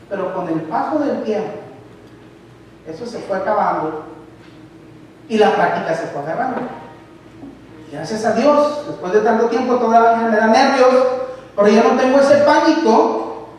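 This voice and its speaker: A man's voice: high voice, a little mellow, slight background noise. Man preaching in an echoey church. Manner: asks the congregation direct rhetorical questions. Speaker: lay preacher. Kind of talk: conversational sermon with personal testimony. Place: church sanctuary. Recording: distant mic in a reverberant hall.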